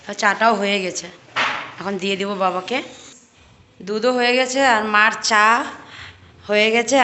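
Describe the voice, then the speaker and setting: Bright-voiced woman chatting through her day. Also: medium pitch, slight background noise. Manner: chatty, narrating household chores to viewers. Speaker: vlogger, mother of two boys. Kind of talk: casual home vlog chat.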